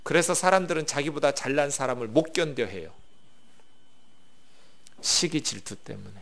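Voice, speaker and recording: Male pastor, Sunday sermon, animated and conversational, fairly high, lively voice. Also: moderate pace, gravelly. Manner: animated preaching with rhetorical questions; conversational, plain-spoken.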